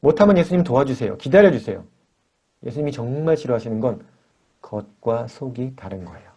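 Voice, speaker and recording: This man's husky, medium-pitched voice moves briskly as he teaches children and parents a character lesson at church. The session comes through a video call, and he keeps it lively by staging small dialogues with the kids.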